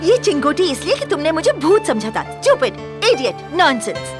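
A pushy, teasing young woman in a dubbed film. Her voice sits very high and swings widely as she scolds and demands. Film music plays under the dialogue. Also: big pitch swings, measured pace. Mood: scolding. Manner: bossy and teasing. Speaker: film character.

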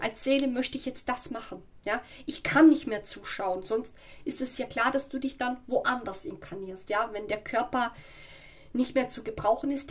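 This tarot reader has a fairly high voice and a slight cold. In a home room with a tarot table, she talks through the reading slowly and searchingly, explaining as she goes and frequently checking in with "ja" and "okay."

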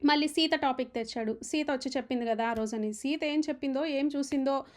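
A woman giving an opinionated, emphatic recap of a reality show argument. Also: high-pitched. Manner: fast, animated, emphatic, retelling arguments.

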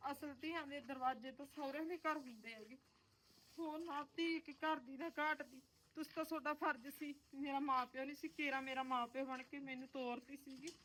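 A woman's voice: sits high, steady tone, fairly quick, a bit bright, slight background noise, poor audio. A woman playing a grieving wronged aunt. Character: grieving married woman, sister-in-law, wronged and weary. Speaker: aunt (bhua) returned from abusive in-laws.

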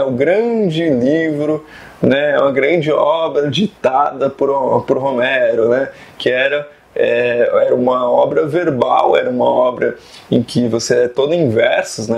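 Guy teaching writing, kinda high voice with a gravelly edge, rambles off on tangents. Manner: chatty and digressive, with many asides and tag questions. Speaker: writing teacher and video host. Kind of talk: casual talk to camera about fiction writing.

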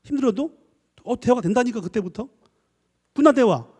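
A man, a professor, giving a lively church lecture, acting out little dialogues and coaxing his listeners. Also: extremely high pitch, normal speed, slightly rough. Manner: animated, acts out dialogues, coaxing the audience. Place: church hall. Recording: long hall reverb.

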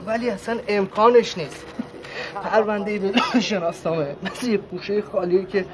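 An actor playing a courteous sitcom bank clerk, polite but unbending. Crowd chatter is clear behind his voice. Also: sits high, fairly even intonation, lightly acted. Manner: polite but firm, chuckling. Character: patient, laughing bank clerk.

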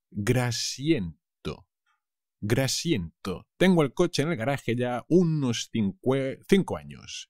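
A man's voice: lowish voice, a little mellow, dry recording, clean studio sound. A man from Spain with a Castilian accent, teaching vocabulary in a playful way and repeating each word twice. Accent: Castilian Spanish. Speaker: language teacher. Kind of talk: vocabulary lesson, repeating words slowly.

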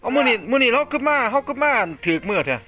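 Isan guy hosting a chat, high lively voice, laughs a lot, music going behind him. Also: very fast. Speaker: host. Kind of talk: casual chat.

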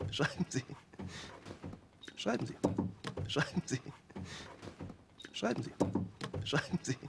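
An actor playing a uniformed officer who leads a guessing game at a table, giving playful instructions in a film scene. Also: male voice, medium pitch, creaky, very noisy. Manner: instructing, playful, laughs often. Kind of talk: film dialogue.

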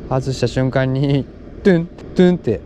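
A young man with a Kansai accent chatting excitedly while fishing outdoors on a lake, with quick exclamations. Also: medium pitch, a little hiss or hum. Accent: Kansai Japanese. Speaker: fishing vlogger. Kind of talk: casual commentary while fishing.

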